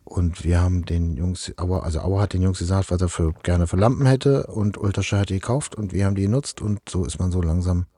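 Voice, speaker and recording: A man's voice: low voice, fairly quick, few pauses, warm tone, dry recording. A man from eastern Germany answering interview questions casually, rambling with many fillers and restarts. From East Germany. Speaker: project manager in event lighting.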